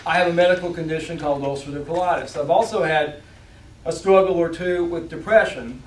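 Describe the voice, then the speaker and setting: A man giving a rehearsed motivational speech to an audience, with deliberate, emphatic phrasing and dramatic pauses. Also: on the high side, fairly even intonation. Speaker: competition public speaker. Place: indoor room, speaking to a live audience. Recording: roomy, distant mic, faint background noise.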